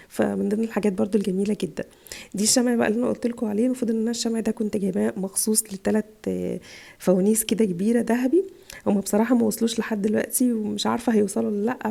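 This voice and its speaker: An Egyptian woman rattles through her haul at a breakneck pace, gushing over each item. Her voice is dark and gravelly, worn down by a chest cold she has had for weeks. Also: fairly high pitch. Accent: Egyptian Arabic. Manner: chatty, gushing over items. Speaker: vlogger, mother. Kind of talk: casual haul video. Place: home in Italy.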